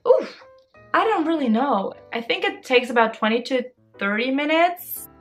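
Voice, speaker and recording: A bubbly woman in her early 20s, a social media creator, chats casually and expressively while answering follower questions for a vlog. Her voice sits high and animated at normal speed, with faint music in the background.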